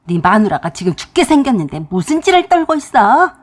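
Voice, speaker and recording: A woman voicing a furious elderly father-in-law who scolds his children in a harsh, shouting voice for a radio drama. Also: lowish voice, moderate pace, breathy edge, pitched below the performer's own voice. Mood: raging.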